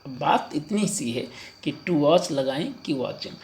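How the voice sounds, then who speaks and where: Man, grammar teacher, measured unhurried delivery, drawn-out example sentences, rhetorical questions. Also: a little high, animated, gravelly, a little mellow, a little hiss or hum. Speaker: English teacher. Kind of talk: exam-prep grammar lesson.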